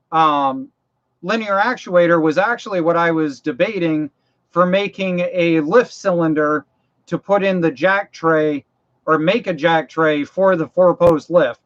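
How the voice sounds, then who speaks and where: A high, somewhat bright male voice hosts a casual live chat with dull lo-fi sound. The man, from Maine, answers viewers about fixing mowers, practical yet rambling and folksy, repeating himself and starting phrases over, his voice gradually tiring.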